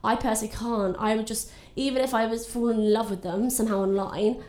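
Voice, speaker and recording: A young woman with a slightly high, nasal, darkish voice chats casually and fast as a guest, her intonation fairly even. She talks openly and fills her speech with "like." The room sounds echoey.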